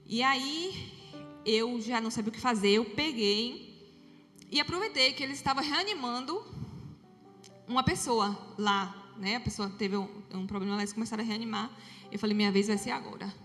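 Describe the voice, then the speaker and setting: A woman shares her testimony before a church, lively in the telling and playing out each exchange. Her voice sits a little high, and it carries through a long hall reverb with faint music underneath. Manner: storytelling, animated, acts out her own dialogue. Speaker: church member giving testimony.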